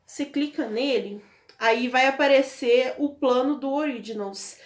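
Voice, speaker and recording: A woman's voice: high-pitched, unhurried. A young woman from Brazil casually walking through an app on her phone, chatty and laughing often, speaking into an earphone mic at home. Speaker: book vlogger. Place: home room with bookshelves. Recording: echoey room.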